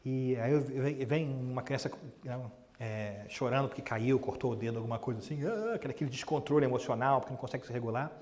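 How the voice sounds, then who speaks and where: A man's voice: medium pitch, fairly even intonation, quick pace, few pauses, a little mellow. A middle-aged man giving a conversational talk, often asking the audience questions and acting out short dialogues. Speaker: Spiritist speaker. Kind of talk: live lecture. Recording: long hall reverb.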